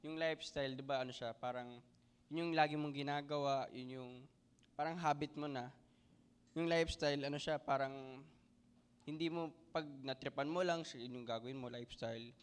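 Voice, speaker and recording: A young man giving a halting, emotional church testimony, tearful and full of fillers. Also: mid-range voice, fairly even intonation, smooth. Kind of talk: personal testimony.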